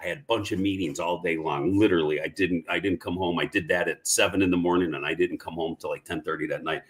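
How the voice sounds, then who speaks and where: A man's voice: deep voice, fairly even intonation, quick pace. A middle-aged man, a guest in a live interview, telling stories in a rambling, casual way, often repeating and restarting words.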